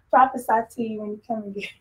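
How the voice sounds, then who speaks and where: A woman's voice: medium pitch, gravelly, background noise. A woman with a Texas accent preaching a sermon in a blunt, conversational way, often laughing. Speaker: pastor.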